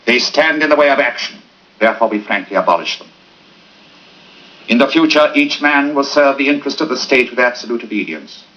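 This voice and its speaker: Stern fascist orator, hard-edged, ranting. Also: male voice, lowish voice, fairly bright tone. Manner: ranting, declamatory dictator-regime speech. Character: stern, menacing fascist minister addressing a nation. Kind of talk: theatrical film oratory. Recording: dull, distant old film soundtrack.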